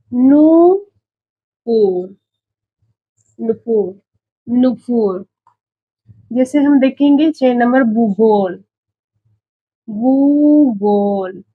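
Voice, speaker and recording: A woman's voice: fairly high pitch, no echo. A woman teaching a spelling lesson for exam prep, saying each example word several times while she writes and checking in with her students. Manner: checks in with students, calls them "बच्चे". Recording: dull lo-fi recording.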